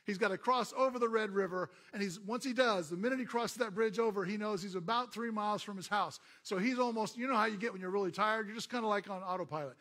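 A middle-aged man who is a pastor, preaching a sermon as an animated story and calling out to the congregation. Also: high-pitched, quick pace, hardly any pauses.

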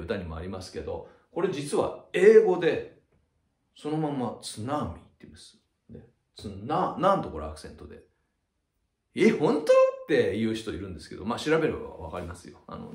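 Lively middle-aged male tutor, echoey room. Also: lowish voice. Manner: chatty, ends phrases with a tag "ne", acts out sound effects. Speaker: cram school head teacher. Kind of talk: explaining vocabulary to students.

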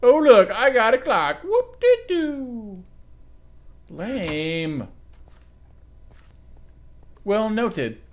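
A man's voice: sits high, very animated, a little slow, hardly any pauses. A young man doing sarcastic let's play commentary, joking with the creatures in the game. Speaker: gaming commentator.

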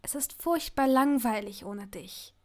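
A woman's voice: on the high side, animated, unhurried, a little mellow. A woman voicing a nervous but proud young woman in an audiobook, speaking in a lifted, eager tone.

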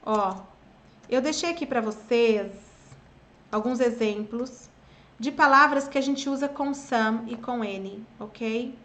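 A woman's voice: high voice, a bit bright. A woman with a Brazilian accent, teaching an English lesson in a casual, chatty way and drilling pronunciation patiently. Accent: Brazilian Portuguese.

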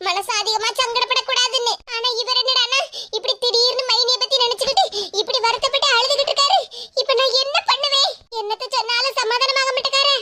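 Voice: very high-pitched, pushed and bright, heavily acted. A voice actor playing a worried middle-aged cartoon wife and mother in Kanyakumari Tamil, who coaxes and frets aloud. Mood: fretting. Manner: coaxing, repeats pleas, frets aloud to herself. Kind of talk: cartoon comedy voice acting.

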